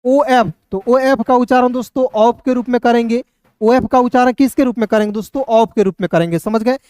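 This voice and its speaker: A man's voice: very high voice, a little fast, a little mellow, no room sound, clean studio sound. A man teaching English pronunciation, spelling words out letter by letter and often calling his viewers friends.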